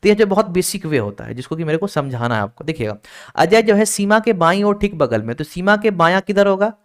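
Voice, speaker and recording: A man with a fairly high, smooth and clear voice teaches a recorded reasoning class for exam aspirants. He works through each step and keeps checking that students are following. He urges them to solve the problems quickly. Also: big pitch swings. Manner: explains step by step, keeps checking with "ठीक है?" and urging students to hurry. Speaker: online exam-prep teacher.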